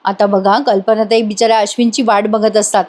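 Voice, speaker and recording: A woman's voice: mid-range voice, little pitch movement, brisk, darkish tone. A woman narrating a voice-over recap of a TV serial, chatty and enthusiastic, talking straight to viewers.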